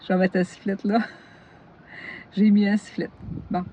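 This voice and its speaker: Tired and chatty, this knitting vlogger from northern Gaspésie, Quebec, has a Québécois French accent and a medium-pitched, level voice at a slightly slow pace. Background noise runs behind her casual talk as she laughs often and jumps between subjects.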